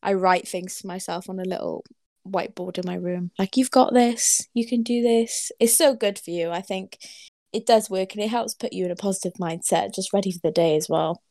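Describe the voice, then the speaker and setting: A bubbly Welsh woman hosts a casual podcast interview, her voice edged with a gravelly fry. She sounds enthusiastic and laughs often. The sound is close and dry. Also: medium pitch, steady tone, brisk, a little mellow, dry recording. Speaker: podcast host.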